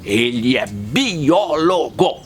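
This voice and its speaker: A man playing a playful, showy ringmaster who announces an act in a grandiose, drawn-out theatrical way. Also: mid-range voice, sing-song, soft background music. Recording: clear background noise and ambience.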